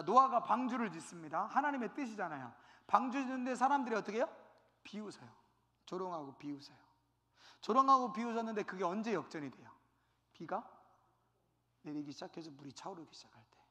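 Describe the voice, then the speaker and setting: A man's voice: sits high, bright, forceful tone, long reverb tail. A man preaching a sermon as pastor, asking his congregation questions and acting out the voices of people he quotes.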